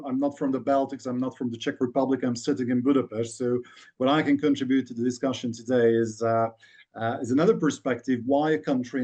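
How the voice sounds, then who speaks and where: A man from Hungary giving measured, academic commentary as a discussant on a webinar panel, joining by video call. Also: mid-range voice, mellow. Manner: measured, academic, with frequent restarts. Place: Budapest, remote video call.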